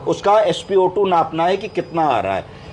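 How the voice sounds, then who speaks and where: Male doctor, higher-pitched voice, patient teaching lecture style, faint background hiss. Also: big pitch swings, moderate pace, a little mellow. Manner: explains step by step, asks and answers his own questions; mixes English medical terms into Hindi. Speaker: doctor teaching clinical medicine. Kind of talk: explanatory medical lecture.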